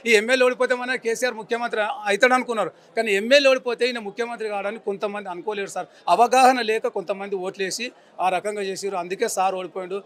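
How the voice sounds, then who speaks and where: A man's voice: sits high, steady tone, racing, fairly bright tone. A man in his forties with a Telangana Telugu accent, angrily and emphatically ranting in a street interview and repeating his insults. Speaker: member of the public interviewed.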